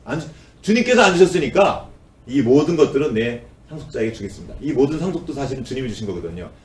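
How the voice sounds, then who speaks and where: A male pastor delivers a sermon, now and then acting out grumbling voices in a higher, pleading tone. He sits at an average pitch for a man. The sound is roomy and carries a lot of the church's echo, and his voice comes from some distance off the mic. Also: sing-song, quick pace, a little hiss or hum. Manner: acts out complaining voices with rising pitch. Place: church sanctuary.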